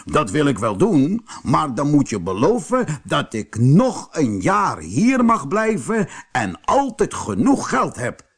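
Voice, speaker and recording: A man voicing a cunning, easygoing male shoemaker who talks calmly and slyly. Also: fairly high pitch, slow pace, few pauses, slightly rough, voice pushed up, exaggerated voice. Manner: calm, sly and friendly.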